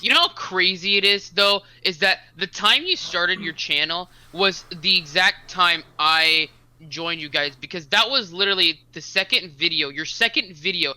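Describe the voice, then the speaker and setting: A man's voice: sits high, moderate pace, bright, forceful tone, clean tone, low-quality recording. A young man chatting casually on a podcast, teasing his friend and laughing easily. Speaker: podcast co-host. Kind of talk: casual chat.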